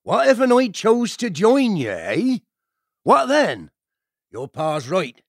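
A man voicing a gruff, kindly male otter chieftain who talks in a folksy, homely way. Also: sits high, wildly swooping pitch, takes it slowly, no room sound, clean studio sound, pitched above the performer's own voice, full character voice. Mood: steady. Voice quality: folksy and homely, dropping his g's.

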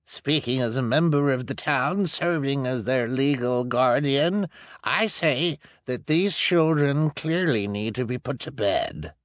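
A man voicing a scheming woman police officer who speaks slowly and condescendingly. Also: mid-range voice, sing-song, no echo, studio quality, voice pushed up. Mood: smug. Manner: slow, condescending.

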